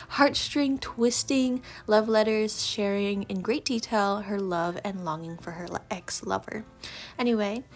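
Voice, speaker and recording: A young woman with a stuffy, congested voice from allergies, chatting earnestly through a casual book review vlog. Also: on the high side. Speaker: book vlogger.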